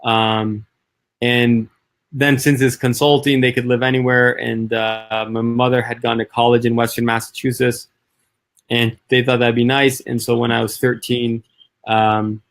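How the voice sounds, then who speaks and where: A chatty man from the northeastern United States tells stories in a relaxed guest conversation. His voice sits in an ordinary middle pitch, and he talks quickly, peppering his speech with "like" and "you know.". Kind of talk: casual conversation.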